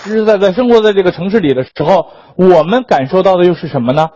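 A young man doing a stand-up comedy monologue, telling an exaggerated story in an animated way. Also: sits high, fast, highs cut off, a faint crowd, a little hiss or hum. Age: young adult.

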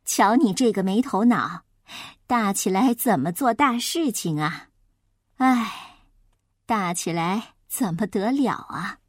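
A woman's voice: medium pitch, expressive, slow pace, no echo, clean studio sound. A woman as a nagging, weary mother. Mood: exasperated. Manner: exasperated nagging.

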